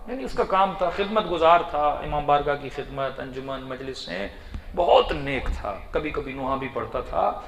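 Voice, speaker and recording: A man preaching an emotional sermon, telling a story dramatically with sudden loud surges. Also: medium pitch, slight background noise. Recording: echoey hall.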